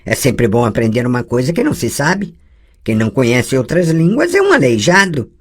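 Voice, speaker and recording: Reader doing a patient sorceress teacher in an audiobook, soft and low, gently correcting, voice rises and dips a lot. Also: sing-song, moderate pace. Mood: instructive. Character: patient adult sorceress woman, teasing teacher. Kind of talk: audiobook dialogue reading.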